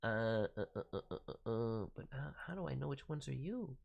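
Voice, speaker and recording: On a casual livestream, a man working as a voice director critiques demo reels, offering feedback playfully with cutesy wording. He has a mid-range, gravelly voice, expressive at a moderate pace, and the audio is dull.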